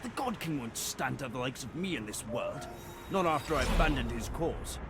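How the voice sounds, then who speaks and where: A man's voice: mid-range voice, lively intonation, moderate pace, background noise, natural voice. An actor playing a proud, wounded man in a video game, accusing a betrayer. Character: proud, wounded deserter refusing to serve a tyrant.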